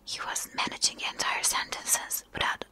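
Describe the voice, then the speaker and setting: A woman whispering quickly as she reads a story aloud for ASMR, a native Turkish speaker who sometimes stumbles over and repeats words. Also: bright, forceful tone. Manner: fast whispering. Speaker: ASMR reader.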